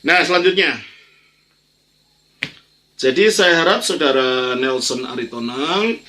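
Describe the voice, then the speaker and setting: This older man from Indonesia, a priest, explains religion through informal questions and answers, stressing points, repeating himself and adding colloquial tags. He speaks slowly in a sharp, highish voice. There's slight background noise.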